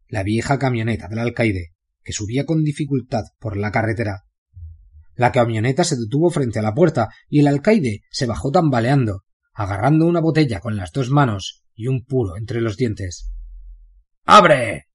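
A man narrating a novel in a steady, dramatic storytelling manner with a husky voice. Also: mid-range voice, normal speed. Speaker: audiobook narrator.

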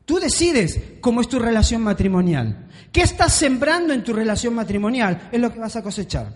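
High-voiced preacher in an echoing hall. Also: male voice, fairly quick. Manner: animated, acts out quoted voices. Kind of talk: sermon. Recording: long hall reverb.

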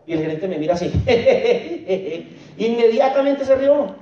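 A man's voice: extremely high pitch, expressive, unhurried. A man giving a motivational stage talk at a business convention, joking and firing rhetorical questions at the crowd. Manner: jokey, keeps asking the crowd rhetorical questions. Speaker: network marketing leader speaking at a convention. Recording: echoey, dull hall sound from far off.

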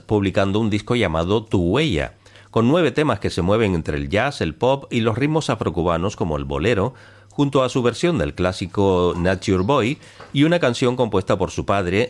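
A man presenting a music programme, reading a scripted narration about performers. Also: sits low.

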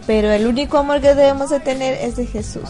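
A woman's voice: high-pitched, fast talker, mellow, faint music behind. A woman co-hosting a youth show, playful and then earnest about faith. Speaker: co-host.

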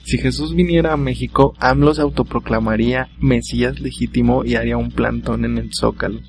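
Gravelly Mexican man joking on a podcast. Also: mid-range voice, steady tone, brisk, darkish tone. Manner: joking, laughs at own jokes; casual, slangy. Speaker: podcast host. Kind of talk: solo comedic podcast monologue.

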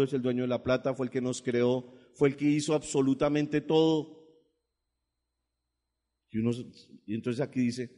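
A male pastor delivers an animated sermon in a fairly high voice. He rises into loud, emphatic bursts and drops into low asides, and the long reverb of a church hall trails each phrase.

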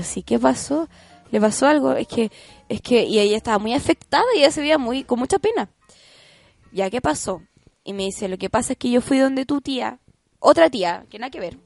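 A woman's voice: a little high, vocal fry, darkish tone, no echo. A young woman with a Chilean accent, hosting a podcast and telling a family story in casual chat, laughing often and acting out the quotes. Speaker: podcast host.

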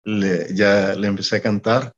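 Here a music promoter from Mexico, his voice on the low side and his pace measured, shares career stories in an interview. He animatedly plays out each conversation, though the recording sounds muffled.

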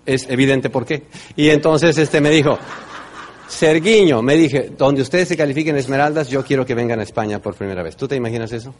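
A middle-aged man with a Mexican accent, giving a motivational talk and telling his story, with loud bursts and soft low asides. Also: fairly quick, a little hiss or hum. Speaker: speaker at a business event.

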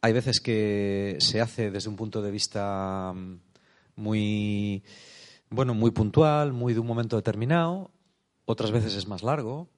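A man's voice: lowish voice, a little mellow. A man giving a thoughtful spiritual talk, often checking in with "eh?" and "no?". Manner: thoughtful, unhurried, tag questions like "eh?" and "no?". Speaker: preacher.

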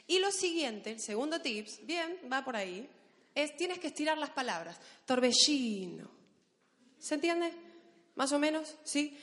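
A woman pastor from Argentina with an Argentine accent, preaching playfully and addressing the congregation directly. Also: high-pitched. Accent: Argentine Spanish. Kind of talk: sermon. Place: church hall. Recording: echoey church hall.

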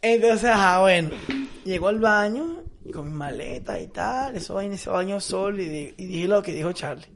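A man's voice: high-pitched, expressive, normal speed. A young man with a Venezuelan accent, co-hosting a casual podcast and telling crude stories. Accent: Venezuelan Spanish. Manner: storytelling, crude, emphatic. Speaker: podcast co-host. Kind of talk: casual chat.

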